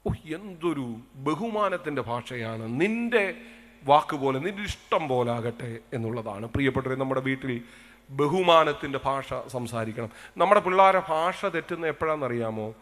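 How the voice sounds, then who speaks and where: A male pastor preaching a sermon to a congregation, with a Kerala Malayalam accent, swinging between loud exclamations and soft asides. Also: medium pitch, expressive, normal speed. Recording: long hall reverb.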